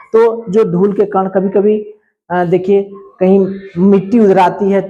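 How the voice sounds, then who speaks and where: A man's voice: high-pitched, warm tone, lo-fi sound. A male science teacher, explaining a school lesson in a homely, colloquial way and asking questions he answers himself. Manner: asks rhetorical questions and answers them himself.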